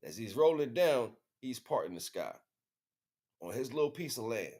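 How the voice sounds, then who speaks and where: A livestream host, a man with a medium-pitched voice at a moderate pace, rambles casually through stories. He uses slang, tells them animatedly, and often checks that the listener is following.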